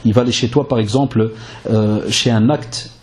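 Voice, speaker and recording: Warm-voiced lively male preacher. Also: on the low side, moderate pace. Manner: lively and conversational, with rhetorical questions and Arabic religious phrases. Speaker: preacher and lecturer. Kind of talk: sermon.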